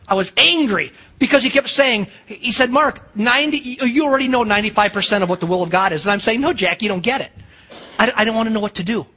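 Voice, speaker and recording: A fast-talking middle-aged pastor with an American accent preaches in a high-pitched voice, bright and forceful in tone. He stays emphatic, throws out rhetorical questions and acts out conversations.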